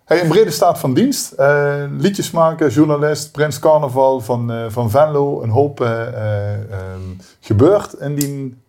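A man's voice: mid-range voice, measured pace, a little mellow. A man with a Limburg Dutch accent, hosting a casual podcast interview. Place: venue dressing room.

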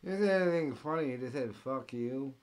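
A man ranting in mocking commentary as the host, full of profanity and loud mimicking bursts. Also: on the high side, lively intonation, rapid-fire, clean tone.

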